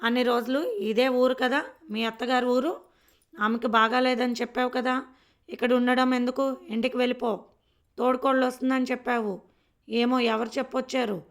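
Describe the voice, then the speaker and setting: A woman reading as a sharp-tongued village mother. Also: on the high side, steady tone, normal speed, natural voice. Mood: scolding.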